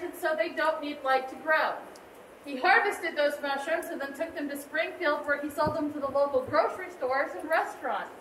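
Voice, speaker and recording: Echoey, very high-pitched woman tour guide. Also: a bit bright. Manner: explanatory, addressing a group. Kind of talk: scripted tour narration. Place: inside a cave on a tram tour. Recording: echoey cave, distant mic, faint noise.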